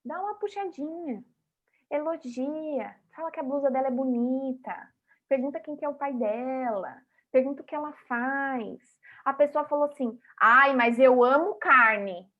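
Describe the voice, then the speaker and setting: A high-voiced woman delivers a motivational talk in short, emphatic, rhythmic phrases, addressing her listeners directly. The recording is dull and lo-fi. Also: moderate pace. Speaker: speaker at a vegan festival talk.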